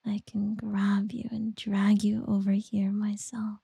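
A woman doing a whispered ASMR girlfriend roleplay, soft, teasing and doting. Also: medium pitch, completely flat delivery, slow, vocal fry, slightly rough, no room sound, clean studio sound.

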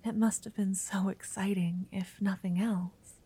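A woman's voice: medium pitch, fairly even intonation, measured pace, slightly rough. A woman voicing a shy, nervous young noblewoman in a whispered roleplay, stammering now and then. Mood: nervous whispering. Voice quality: soft whisper. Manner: hesitant, stammering.

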